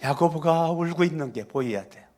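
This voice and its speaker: A man's voice: fairly high pitch, a little fast, darkish tone. A male pastor preaching a sermon in an emphatic, scolding way, with many rhetorical questions.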